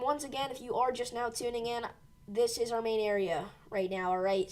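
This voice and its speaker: Rough audio captures a fairly high-pitched woman hosting a weather stream as her voice fades. Following the storm live, she stays urgent but comforting and leans heavily on fillers.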